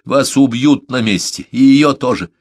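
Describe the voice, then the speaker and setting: A man's voice: medium pitch, moderate pace, no room sound, clean studio sound, voice pushed up, close to an everyday voice. A man voicing an alarmed young man who pleads urgently in an audiobook.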